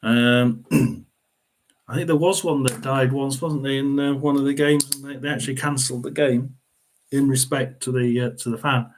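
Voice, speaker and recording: A middle-aged man hosts a football watchalong in a loose, casual way. He rambles along with plenty of fillers and keeps clearing his throat between thoughts. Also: medium pitch, steady tone, moderate pace, slight background noise. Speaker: watchalong host. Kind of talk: casual live football commentary.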